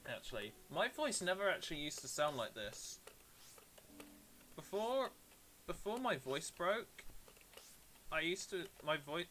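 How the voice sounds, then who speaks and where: This British gamer's voice sits a little high and sounds pushed and bright. Streaming live, he answers his viewers in loose, rambling chat and puts himself down with humor.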